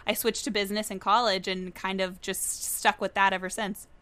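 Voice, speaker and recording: A young business journalist from Florida chats upbeatly as a guest in a casual interview, laughing often. Her voice is medium-pitched and sharp in tone, with level delivery at a moderate pace.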